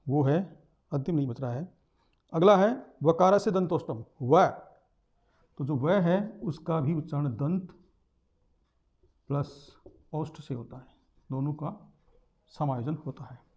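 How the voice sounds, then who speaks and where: A man's voice: on the high side, unhurried, long pauses, warm tone. A man teaching a lesson, explaining step by step, repeating terms and sounding out letters.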